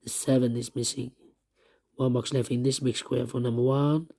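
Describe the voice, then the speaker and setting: A man who has partly lost his voice, walking through a puzzle step by step in halting, repetitive short phrases. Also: medium pitch, flat delivery, creaky, warm tone. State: lost voice, strained and troubled. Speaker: puzzle tutorial host. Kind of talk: step-by-step puzzle walkthrough, thinking aloud.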